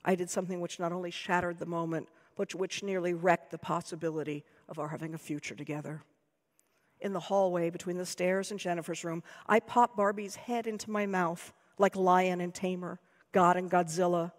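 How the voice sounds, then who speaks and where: A woman's voice: fairly low pitch, little pitch movement, a little fast. American woman reading in a reverberant hall. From United States. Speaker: author. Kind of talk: reading her own fiction aloud. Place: lecture hall.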